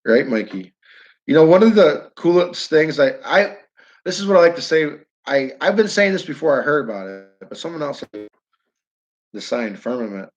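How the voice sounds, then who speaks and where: In a muffled recording, a man with a northern New York accent hosts a casual livestream from his downtown building. His voice is a little high with big pitch swings at normal speed, and he rambles, restarts sentences and speaks to viewers by name.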